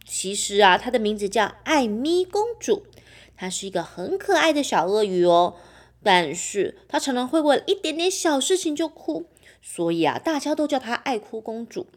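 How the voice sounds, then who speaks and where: A woman teacher reading a children's picture book aloud in a playful, animated way, asking the listeners questions. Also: on the high side, moderate pace.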